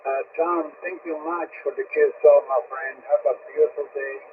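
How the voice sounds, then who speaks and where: A man's voice: fairly high pitch, fairly even intonation, normal speed. Crackly shortwave radio man. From Mexico. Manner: courteous, repeats sign-off phrases. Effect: crackly shortwave radio transmission. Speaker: amateur radio operator. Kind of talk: ham radio contact calls with phonetic call signs. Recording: crackly narrow-band shortwave radio, loud static. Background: radio static.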